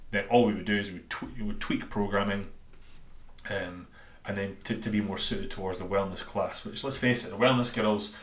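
Low-voiced Dundonian Scottish man, echoey room. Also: fairly bright tone. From Scotland. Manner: informal, rambling, self-deprecating. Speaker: podcast host and bodybuilding coach. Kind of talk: casual solo podcast talk. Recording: roomy, echoey sound.

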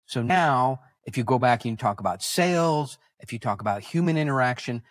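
Male podcast guest, mid-pitched, halting but animated storyteller, dry booth sound. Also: no echo. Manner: halting, self-correcting, animated anecdotes.

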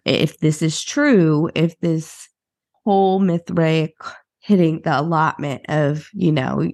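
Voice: medium pitch, vocal fry, darkish tone, dry recording, clean studio sound. A podcast co-host in casual chat, rambling and meandering, with frequent swearing.

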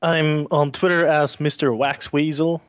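A man's voice: fairly high pitch, flat delivery, unhurried, lo-fi sound. A man co-hosting a podcast in casual, conversational talk. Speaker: podcast co-host. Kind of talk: casual chat.

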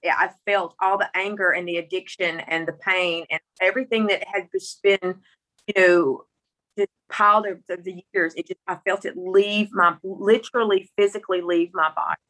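A woman's voice: lowish voice, fairly even intonation, moderate pace, fairly bright tone, low-quality recording. A middle-aged woman from rural Mississippi with a Southern country accent, telling her personal story as a guest in a folksy, candid, emphatic way. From Mississippi, rural United States.

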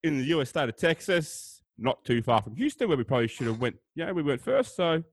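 A man's voice: a little high, very animated, a little fast. A man with an Australian accent co-hosting a podcast in casual, joking banter, full of fillers and "mate". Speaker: podcast co-host.

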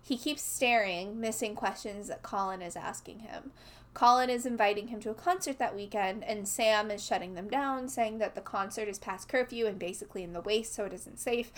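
A woman's voice: medium pitch, moderate pace. A woman co-hosting a casual book podcast, chatting and laughing as she sums up chapters. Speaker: podcast co-host.

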